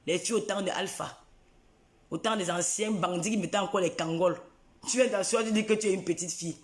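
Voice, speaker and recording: A man's voice: high-pitched, roomy sound. A man, ranting in a live video in a taunting, repetitive, mocking way. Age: 40s.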